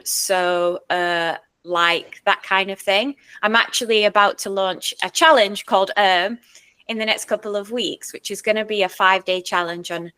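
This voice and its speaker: A woman speaking coach and speech therapist answering interview questions, explaining clearly in numbered points. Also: mid-range voice, sharp tone. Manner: sometimes demonstrates techniques in her own voice.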